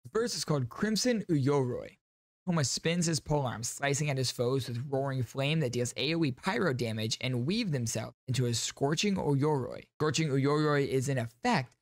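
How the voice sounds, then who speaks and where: This young man's gaming channel commentary is cheerful and enthusiastic as he reacts to games indoors in a small home streaming room. Recorded on a close studio microphone on a boom arm with no room sound, his medium-pitched voice is expressive at normal speed.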